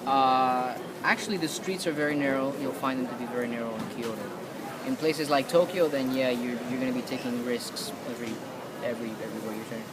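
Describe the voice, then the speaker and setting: Man, mid-pitched voice, hesitant casual interviewee, very noisy city street with traffic. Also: brisk. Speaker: interviewee, resident of Japan.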